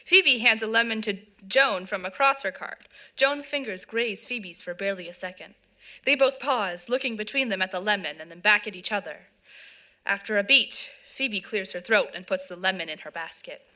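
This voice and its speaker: A woman's voice: mid-range voice, moderate pace, pushed and bright. A woman reading the stage directions of a play as scripted narration.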